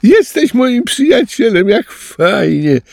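Mężczyzna czytający bajkę, który podkłada głos małemu, piszczącemu tapirkowi. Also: male voice, unhurried, creaky, no room sound, clean studio sound, heavily acted. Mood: overjoyed. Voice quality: very high squeaky voice. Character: tiny squealing male tapir calf, timid then joyful. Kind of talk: storybook reading.

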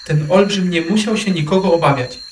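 A man reading a children's animal story aloud with gentle, expressive storytelling. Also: high voice, fairly quick, recorded from a distance. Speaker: narrator. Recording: echoey room, off-mic, faint ambience.

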